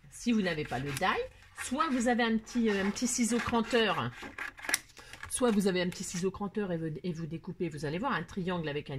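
A woman hosting a card-making tutorial, chatting casually and rambling, talking straight to viewers with lots of self-mocking asides. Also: medium pitch. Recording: noisy home recording.

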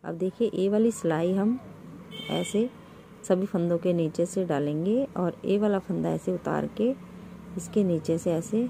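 This is step-by-step craft instruction: a woman leads a knitting tutorial, counting stitches out loud, addressing viewers as friend, and patiently walking through every step. She has a fairly low, mellow voice with vocal fry, and there's slight background noise.

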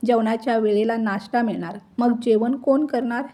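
A woman voicing a kind, gentle older father-in-law who speaks affectionately. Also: fairly high pitch, normal speed, lightly acted.

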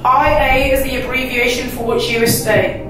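Young lad w a high voice, sweary casual quiz banter, mic kinda far off in a bathroom. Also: male voice, steady tone, normal speed. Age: young adult. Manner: sweary, blunt. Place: small tiled bathroom indoors. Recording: echoey bathroom, distant mic, background music.

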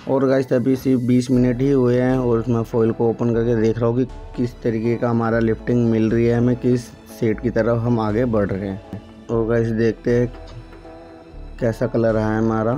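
A man's voice: medium pitch, flat delivery, normal speed, warm tone. Man teaching hair colouring. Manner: explanatory, repeatedly addresses viewers as guys. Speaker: hair colourist, channel host. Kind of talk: hands-on tutorial narration. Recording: dull lo-fi audio with faint music.

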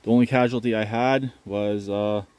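Man, fairly low voice, relaxed rambling tinkerer narrating a tractor fix outside. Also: normal speed, no echo. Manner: relaxed, rambling, many fillers. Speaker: channel host working on a lawn tractor. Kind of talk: casual off-camera repair narration. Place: outdoors in a yard beside a shed.

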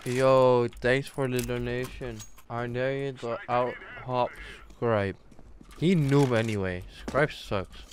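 A man's voice: medium pitch, fairly even intonation, takes it slowly. A young man groggy from anesthesia after dental surgery, casually commenting on a game he is playing and joking with teammates. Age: young adult. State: groggy from anesthesia after wisdom teeth removal. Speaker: game streamer. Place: small room at home. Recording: clear gunfire and clicking noise behind.

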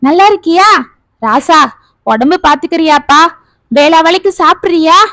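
A woman storyteller voicing a gentle, long-suffering aging village father who speaks tenderly to his children. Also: extremely high pitch, lively intonation, moderate pace, no echo, pitched above the performer's own voice.

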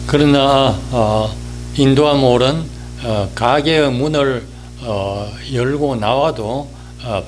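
A male columnist in his eighties gives a reminiscing, reflective talk in the style of a newspaper column, seated indoors in a small office or studio. His mid-pitched delivery is very slow, halting and hesitant, with frequent drawn-out fillers.

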